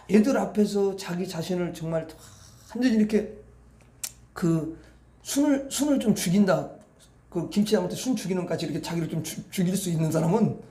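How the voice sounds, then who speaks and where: Pastor guy preaching, kinda high voice, chatty, keeps asking the crowd stuff, echoey church room. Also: dark tone. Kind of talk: evening prayer meeting sermon.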